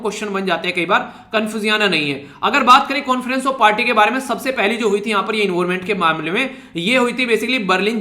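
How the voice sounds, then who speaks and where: A man gives a current-affairs lesson for exam students in a quick, chatty style and keeps checking in with his listeners. His voice sits high and sounds bright and forceful. The room adds a noticeable echo. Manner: chatty, joking asides, frequent "ठीक है". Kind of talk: exam-prep lecture in Hindi.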